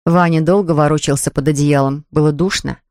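Woman narrator, steady storybook reading, lower voice, dead-dry booth. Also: fairly quick, no echo. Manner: steady, descriptive.

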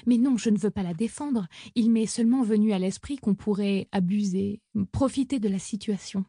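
A woman's voice: mid-range voice, moderate pace, dark tone, husky, dry recording. A woman reading an audiobook and voicing a sly young man with mocking politeness, in close to her own voice. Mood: calm.

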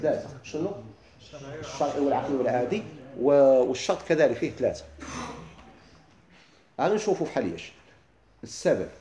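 A middle-aged man with a Moroccan accent, teaching a classroom lesson. He keeps asking his listeners quick questions and then answers them himself. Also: medium pitch, expressive, mellow, reverberant. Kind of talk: classroom lesson explaining legal theory.

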